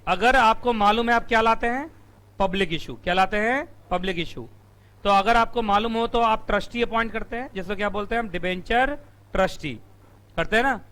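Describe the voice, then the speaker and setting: A man teaches company law to a live classroom through a room mic. His voice is high and bright. He fires quick questions at the students, answers them himself, and sounds strained from shouting.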